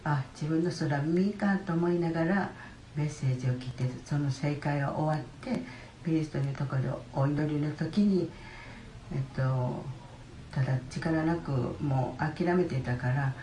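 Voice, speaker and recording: An older woman, giving a halting personal testimony in church with many pauses. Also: sits low, dark tone, slight background noise. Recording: roomy church hall.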